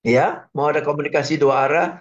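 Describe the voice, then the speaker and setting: Energetic man giving sales advice on radio. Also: on the high side, a little fast. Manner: energetic, rhetorical checks like "betul ya?". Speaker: sales trainer guest on a business radio show. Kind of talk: radio talk, explaining with lively examples. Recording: dull lo-fi radio broadcast.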